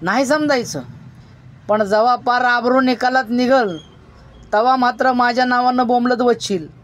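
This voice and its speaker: A woman's voice: a little high, takes it slowly. A woman doing a furious hot-tempered village man. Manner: shouting, scolding.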